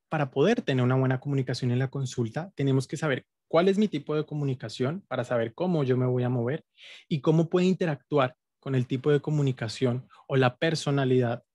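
Man, mid-pitched, teaching in a casual online workshop; filler-heavy, close dry sound. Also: darkish tone, no room sound. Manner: explanatory, many fillers and tag questions. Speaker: guest teacher.

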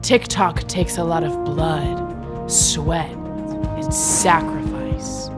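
A woman's voice: low-pitched, fairly even intonation, drawn-out words, over loud music. A young woman playing an exasperated wife in a mockumentary comedy, dry and pointed. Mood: solemn. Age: young adult. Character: exasperated young wife of an obsessed video maker.

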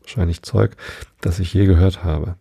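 A man voicing a melancholy male mock turtle who sings a slow, mournful song about soup. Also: sits low, fairly even intonation, gravelly, mellow, slightly rough, dry recording, studio quality, full character voice. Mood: grumbling.

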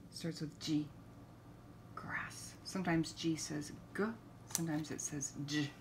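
Woman, middle-aged, reading a picture book to a toddler. Unhurried delivery, simple letter teaching, some room noise. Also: fairly low pitch, a bit bright. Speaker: children's story reader and letter teacher. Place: living room, indoors. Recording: noticeable room background noise.

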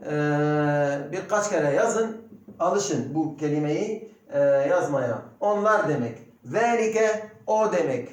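A man with a Turkish accent teaching Arabic, slowly drilling pronunciation by repeating words. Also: high-pitched. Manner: slow, repetitive drilling of pronunciation. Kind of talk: recorded classroom lesson. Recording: very echoey room.

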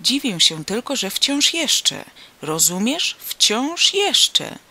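An excitable male bystander from an old storybook shouts every scrap of rumour he hears, high and loud, repeating himself for emphasis, as a woman reading the tale puts him on. His voice is bright and edged with a gravelly rasp. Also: moderate pace, full character voice. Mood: excited shouting.

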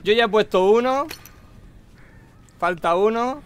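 A man's voice: high voice, unhurried, clean tone. A young man with a Spanish accent from Spain, streaming a game and arguing bluntly with other players. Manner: irritated, blunt, swearing. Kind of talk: live gaming stream chat.

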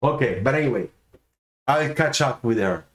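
Middle-aged man, lively pitch, slightly high, webcam in a reverberant home studio. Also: normal speed. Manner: animated, gestures a lot, keeps asking "okay?". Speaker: car designer giving career advice. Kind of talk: livestreamed talk to viewers. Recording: roomy echoey room sound.

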